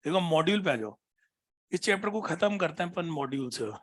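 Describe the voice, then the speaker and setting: A man teaching a biology class, constantly prompting his students with questions and reading textbook lines slowly. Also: fairly high pitch, expressive, a bit bright. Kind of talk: classroom lecture.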